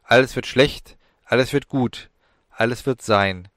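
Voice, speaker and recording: A man reading an audiobook, voicing the gentle ghost of a woman doctor who speaks in solemn, soothing prophecies. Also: medium pitch, measured pace, no room sound, studio quality, natural voice. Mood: urgent.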